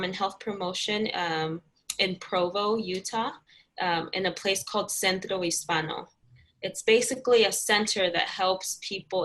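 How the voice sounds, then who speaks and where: A woman's voice: mid-range voice, sharp tone, rough recording. A young woman answering interview questions about her job in a chatty, friendly way with lots of "um"s. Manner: chatty, friendly, many fillers. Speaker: guest, community health educator.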